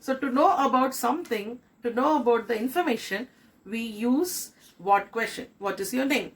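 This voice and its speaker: A middle-aged woman with a Tamil accent gives an English lesson at a very slow, careful pace. Her voice sits high, and she repeats each example sentence before translating it for her students. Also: lively intonation. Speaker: school principal teaching English. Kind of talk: classroom lesson.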